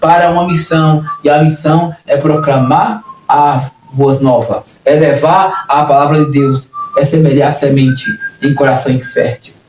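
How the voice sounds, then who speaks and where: A man from Brazil preaching a sermon with a somewhat high voice, earnest and repetitive, often breaking off and restarting phrases. He sounds set back from the mic in an echoey room, with clear noise behind him. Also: fairly even intonation, normal speed, hardly any pauses, far from the mic.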